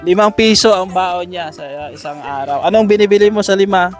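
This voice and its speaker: A man hosting games for schoolchildren outdoors, coaxing and counting down with animated energy. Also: high-pitched, fairly quick, faint music behind. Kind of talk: lively outdoor game hosting.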